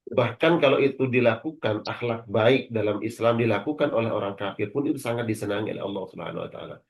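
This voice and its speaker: A man teaching as a religious scholar, speaking calmly and in a measured way about faith and good conduct. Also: lowish voice, creaky, slight background noise. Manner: calm, measured preaching. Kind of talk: religious lecture.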